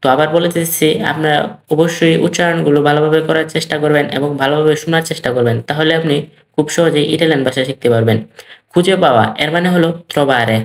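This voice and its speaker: A patient language teacher drills vocabulary, saying every word twice and drawing out the example phrases. The voice sits at an ordinary middle pitch. The recording carries a clear roomy echo. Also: steady tone. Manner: slow and repetitive, drilling each word twice; stretches out the practice phrases. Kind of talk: language lesson. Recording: roomy echoey room.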